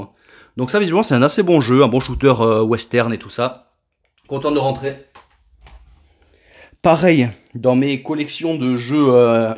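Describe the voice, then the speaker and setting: A man casually presenting his new retro video game purchases, talking loosely with many fillers and restarts. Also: medium pitch. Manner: chatty, many fillers and self-corrections. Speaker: retro game collector, channel host. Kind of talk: casual collection showcase vlog.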